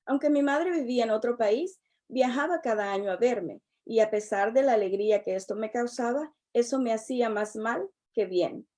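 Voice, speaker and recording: A middle-aged woman delivers a prepared personal testimony. Her voice sits a little high yet sounds warm and mellow. She speaks in a measured, earnest, unhurried way. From El Salvador. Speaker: relationship and divorce coach.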